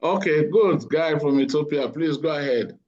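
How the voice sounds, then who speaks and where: A man's voice: on the high side, moderate pace, darkish tone. A man tutoring anaesthesia students over a video call, quizzing them and teasing them along. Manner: encouraging, teasing, gives marks. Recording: dull lo-fi call audio.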